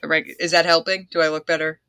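A woman's voice: low-pitched, little pitch movement, fast talker, fairly bright tone, no room sound, studio quality. Chatty woman on a video call. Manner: chatty, laughs often, uses filler "like". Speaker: conversation partner. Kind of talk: casual chat. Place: home office.

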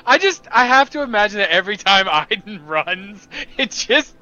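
Male tabletop player, fairly high and very sharp voice, casual chat, slightly dull lo-fi capture. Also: big pitch swings, moderate pace, no room sound.

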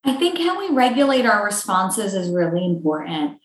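A woman's voice: medium pitch, sing-song, moderate pace, reverberant, rough recording. A woman guest in a podcast interview, earnestly coaching and acting out example phrases as she explains. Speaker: guest speaker on emotional intelligence.

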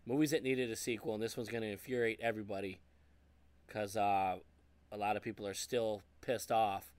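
A man in his thirties co-hosting a casual movie podcast, animated and profane, acting out lines as he talks. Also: fairly low pitch, fairly quick. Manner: animated, profane, acts out quotes. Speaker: podcast co-host.

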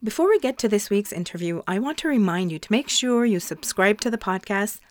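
Speaking a little fast in an animated, mid-range voice, a woman presents her podcast with a scripted introduction and sponsor reads, then interviews a guest. The recording has no echo.

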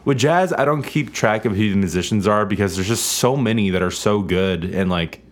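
A man co-hosting a casual podcast, animated and a bit excitable, swearing casually. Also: lowish voice, normal speed. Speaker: podcast co-host. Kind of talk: casual chat.

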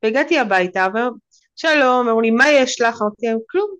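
A woman in a group, earnestly sharing a personal story, halting and full of fillers. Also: on the high side, lively intonation, a bit bright. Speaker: group participant.

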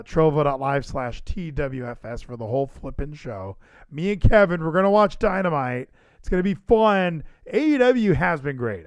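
A man's voice: mid-range voice, no room sound, clean studio sound. A man hosting a podcast livestream in casual chat, rambling and emphatic, repeating phrases for effect. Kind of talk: casual wrestling show chat.

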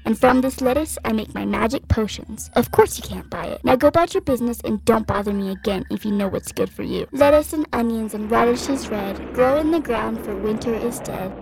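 Creaky spiteful old witch, woman putting it on, bossy and chanting, kinda high. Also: lively intonation, a little fast, few pauses, darkish tone, a little hiss or hum, low-quality recording. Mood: menacing. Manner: harsh, commanding, sing-song chanting. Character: spiteful old female witch guarding her garden. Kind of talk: amateur radio play acting.

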